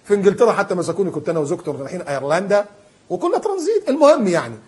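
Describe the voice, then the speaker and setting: A man preaching in a colloquial style with an Egyptian accent. He is animated and emphatic, and he acts out the people he quotes. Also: high-pitched, very fast, husky. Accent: Egyptian Arabic. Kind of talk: colloquial sermon.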